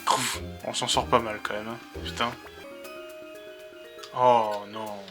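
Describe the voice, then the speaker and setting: A man's voice: lowish voice, level tone, slow pace, music in the background. A man commenting casually on his gameplay, muttering to himself and swearing, with a sore throat. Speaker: let's play host.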